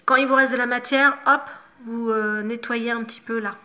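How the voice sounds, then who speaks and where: A middle-aged woman with a higher-than-average, vivid voice walks viewers through a makeup tutorial. She stays chatty and instructive, tossing in self-mocking asides. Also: fairly even intonation, moderate pace, pushed and bright. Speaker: makeup vlogger.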